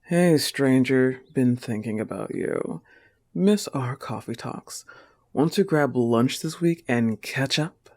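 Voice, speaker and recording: A man with an average male pitch plays a goth wolf-girl girlfriend in an intimate audio roleplay, sounding jealous and irritated. His delivery stays unhurried and soft-spoken, frequently dropping to breathy whispers, with a tender, teasing, territorial edge.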